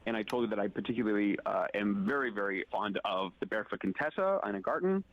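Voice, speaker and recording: A man's voice: fairly low pitch, animated, fast talker, no room sound, dull audio. A man caller on a radio show, defensive and indignant, talking in a worked-up way. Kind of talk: phone-in radio bit.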